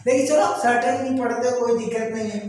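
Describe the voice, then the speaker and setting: A man's voice: extremely high pitch, steady tone, quick pace, a little mellow, distant mic. A man teaching an English grammar lesson, asking his students questions and answering them himself, often checking that they follow. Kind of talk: classroom-style grammar lesson. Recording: very echoey room, voice from away from the mic.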